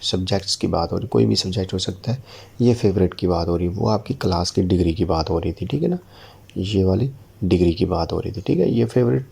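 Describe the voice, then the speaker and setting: Deep, gravelly teacher. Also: male voice, darkish tone, slight background noise. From Pakistan. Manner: slow, deliberate model sentences with frequent "theek hai" check-ins. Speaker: English teacher. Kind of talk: language lesson in Urdu.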